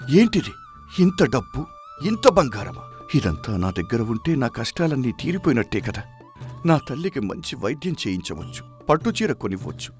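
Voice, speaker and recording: Brief: man as poor honest village laborer, lowish voice, emotional and pleading, soft music under. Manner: pleading, emotional dramatic reading.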